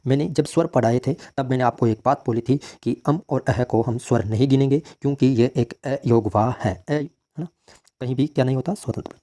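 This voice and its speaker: Mellow-voiced male teacher lecturing. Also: medium pitch, fairly quick. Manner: asks questions and answers them himself; repeats key points for emphasis. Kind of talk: classroom grammar lecture.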